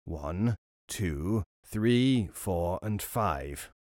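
A man voicing a murderous, menacing robber who threatens and counts slowly. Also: low voice, animated, a little mellow, no echo, studio quality, voice pushed down, exaggerated voice.

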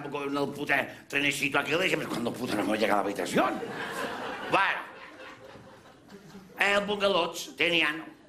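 A man's voice: on the high side, sharp tone, a little hiss or hum. A man with a Mallorcan accent performing a crude, rambling comic monologue in character on a café stage. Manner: brash, crude, rambling storyteller. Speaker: comedian in character. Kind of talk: live stand-up character monologue. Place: café stage before a live audience. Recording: live audience laughter throughout.

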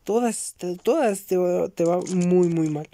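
Young mexican dude doing gameplay commentary, swears a lot, calls everyone bros, warm mellow voice. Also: male voice, high-pitched, unhurried, slight background noise. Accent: Mexican Spanish. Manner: slangy and swearing, keeps saying bros; sudden loud outbursts at the game. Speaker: gaming YouTuber. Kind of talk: casual gameplay commentary vlog.

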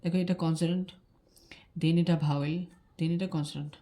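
A woman races through a grammar lesson in a mellow, dark-toned voice. She repeats key terms and keeps checking that her students follow. Her voice sits a little low. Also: steady tone, fairly quick. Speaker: English grammar teacher. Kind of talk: explaining grammar rules to students.

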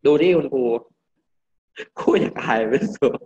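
A male English teacher from Thailand giving a classroom pronunciation lesson, drilling words slowly and repeating each one for the class. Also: a little mellow. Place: classroom with students. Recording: dull lo-fi classroom recording.

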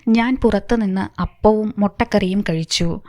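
A woman's voice: medium pitch, normal speed, a little mellow, lightly acted. A woman reading the lines of an angry, evasive middle-aged husband in an audiobook. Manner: curt, scolding.

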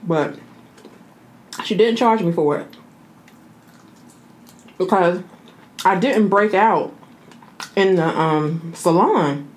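An American woman in her thirties chatting casually as a mukbang host, talking while eating and pausing to chew. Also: fairly low pitch. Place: indoor room.

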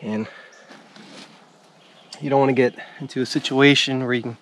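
Man, hiking vlogger, calm steady narration, outdoors in a forest, mid-pitched voice. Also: moderate pace, a little hiss or hum.

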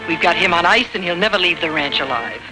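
Actor as high-voiced cold western outlaw. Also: male voice, lively intonation, quick pace, close to an everyday voice, poor audio. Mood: cold, menacing. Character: cold, smooth-talking outlaw killer. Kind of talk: 1940s western film acting. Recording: old 1940s film soundtrack with loud music.

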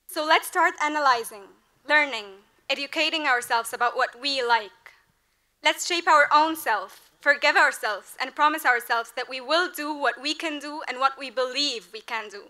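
Bright-voiced young woman giving a commencement speech. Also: sits high. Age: 20s. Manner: earnest, rhetorical, building to emphatic peaks. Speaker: graduating class representative. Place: large outdoor ceremony at a podium. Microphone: podium mic.

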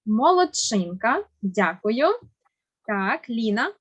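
A woman teacher with a slightly raised pitch takes children through a lesson over a video call. She speaks patiently and warmly encourages each pupil. She lands every stressed syllable slowly and deliberately. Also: big pitch swings, slightly rough. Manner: slow, careful stressing of words. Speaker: Ukrainian language teacher. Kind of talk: online language lesson for children.

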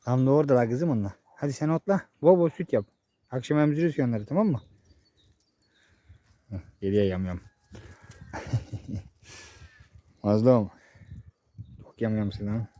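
A young man vlogging outdoors in a village pasture, chatting to viewers and calling out loudly to his animals. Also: medium pitch, a little slow, long pauses, no room sound. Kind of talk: casual chat to camera.

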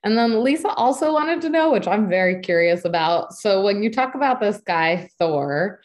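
A young woman in her twenties hosts a webinar over a video call from her living room, her voice mid-range with a darkish tone. She's animated and moves at a moderate pace, bubbly and gushing, her speech full of likes and ums as she enthusiastically moderates through her webcam.

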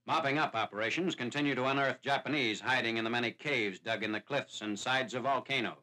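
A man reading a scripted wartime newsreel narration in a formal, measured announcing manner, heard on an old 1940s newsreel soundtrack. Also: mid-range voice, sharp tone. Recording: noisy, hissy 1940s newsreel film soundtrack.

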